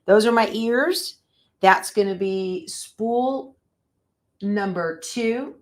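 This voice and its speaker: An embroidery instructor speaks very slowly in a mid-range voice from her sewing room during a live stream on machine embroidery. She thinks aloud as she sets up her machine and chats with her viewers.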